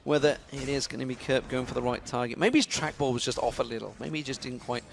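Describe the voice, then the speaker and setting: A man giving live play-by-play commentary on an esports match, excitable and climbing in pitch when the action picks up. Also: fast, vocal fry, slight background noise. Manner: excitable, rises sharply in pitch during action.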